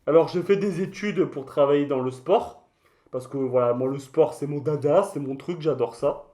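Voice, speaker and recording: Man playing a crude, high-pitched mascot creature. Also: normal speed, warm tone, lightly acted. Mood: rambling storytelling. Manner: slangy, crude, hesitant rambling storytelling with outbursts. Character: crude, touchy male mascot creature, boastful storyteller. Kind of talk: comic mock interview, in character.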